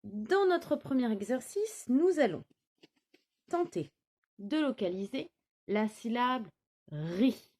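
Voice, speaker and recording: A woman teaching a phonics lesson to small children, sounding out each word syllable by syllable. Her voice sits a bit high and swings up and down a lot. She speaks very slowly and carefully. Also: very animated, a little mellow. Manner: slow, clearly articulated, syllable by syllable. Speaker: kindergarten teacher. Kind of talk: recorded remote phonics lesson for young children.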